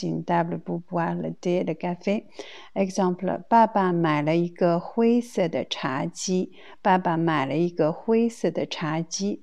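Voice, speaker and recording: A woman with a Chinese accent, a native Chinese speaker, teaching a language lesson slowly and deliberately, repeating each example twice. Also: fairly low pitch, creaky, a little mellow.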